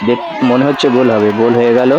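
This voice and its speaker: A man's voice: medium pitch, steady tone, fast, highs cut off. A man giving live football commentary, repeating phrases for emphasis. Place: outdoors at a local football ground. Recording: outdoor field with crowd noise. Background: spectator crowd.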